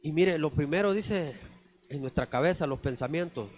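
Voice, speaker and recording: A man's voice: a little high, moderate pace, slight background noise. A man preaching a conversational church sermon, often calling the listeners brother. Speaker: lay preacher. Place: church sanctuary.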